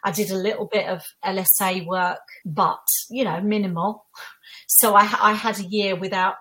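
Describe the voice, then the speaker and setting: A woman's voice: mid-range voice, fairly even intonation, normal speed, pushed and bright, low-quality recording. Candid middle-aged Essex woman in conversation. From Essex, England. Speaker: podcast guest, tutor and former equities trader. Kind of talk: conversational interview answers.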